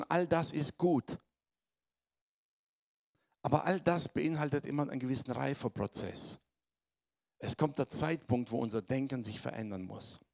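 Hoarse from a cold, a medium-pitched male pastor preaches to his congregation in a conversational manner. He often turns to his listeners with tag questions to check they're following.

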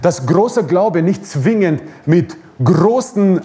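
A man's voice: sits high, expressive, takes it slowly, mellow. A man preaching a sermon at a church service, emphatic, repeating his key phrases and chuckling now and then.

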